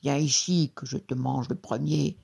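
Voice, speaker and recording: Hulking male forest genie, husky and grumbling, a greedy bully at heart a coward, voiced by a storybook reader. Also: mid-range voice, steady tone, moderate pace, darkish tone. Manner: grumbling, then whimpering and pleading. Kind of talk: storybook character voice.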